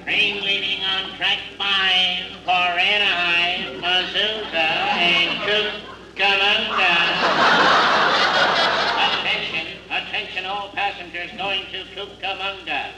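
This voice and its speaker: An actor playing a male train station announcer calling out departures over a station loudspeaker in slow, drawn-out calls, from an old radio comedy. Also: high voice, flat delivery. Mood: announcing. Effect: over a station loudspeaker, echoing and distant. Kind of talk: 1940s radio comedy acting. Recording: noisy old radio broadcast, echoey and far off.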